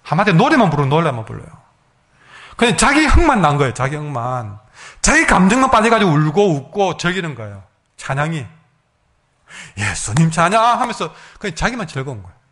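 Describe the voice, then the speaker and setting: A man's voice: fairly high pitch, very animated, fast talker, a bit bright. A male pastor preaching a sermon emphatically, acting out his congregation's words.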